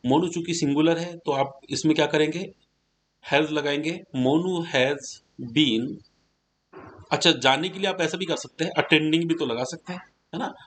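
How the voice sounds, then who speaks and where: A man's voice: a little high, a bit bright. A man teaching English grammar in a Hindi classroom lesson, explaining patiently step by step and asking his students questions as he goes. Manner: slows down to dictate English words one at a time.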